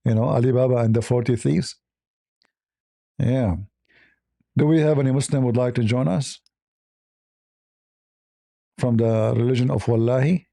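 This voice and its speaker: A man hosting a livestream debate, raspy and mocking, halting with many fillers. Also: mid-range voice, fairly even intonation, warm tone, dry recording, studio quality. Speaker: host.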